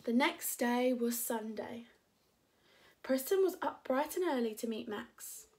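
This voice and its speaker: A young English woman, a primary school teacher, reading a picture book aloud to children with lively voices for the characters. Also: on the high side, measured pace.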